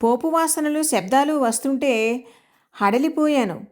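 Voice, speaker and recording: A woman voicing a gentle, affectionate older mother-in-law in an audio story. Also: high-pitched, measured pace. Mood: fretful.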